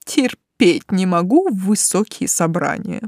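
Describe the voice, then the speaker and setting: A woman voicing a tired, easygoing young man in an audiobook, drawling slowly with a lively lilt to the pitch. The sound is close and dry, with no room around it. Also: no echo, exaggerated voice. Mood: weary. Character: weary easygoing young male blond master. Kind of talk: audiobook character reading.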